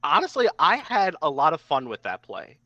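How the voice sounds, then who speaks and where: A man's voice: a little high, wildly swooping pitch, normal speed, sharp tone, no room sound. A young man, a podcast guest, reminiscing casually and filling his talk with "like". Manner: reminiscing, lots of "like" fillers. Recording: dry, slightly dull podcast mic.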